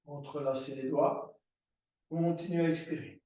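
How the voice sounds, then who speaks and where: A man teaching a yoga class, giving slow, calm breathing and movement cues. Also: on the high side, recorded from a distance. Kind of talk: guided yoga class instruction. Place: room recorded as an online class. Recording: roomy echo, voice from afar.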